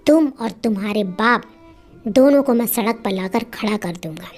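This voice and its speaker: A woman's voice: medium pitch, moderate pace, a little mellow, soft background music, natural voice. A woman voicing a cruel, greedy young husband who speaks in a harsh, menacing way while telling a story. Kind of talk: storytelling with acted dialogue.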